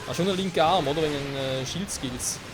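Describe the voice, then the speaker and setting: A young man giving lively gameplay commentary and talking back to the characters on screen. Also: on the high side, brisk, noisy background. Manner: excitable, talks to the game characters. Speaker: let's play gamer. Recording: game music loud behind voice.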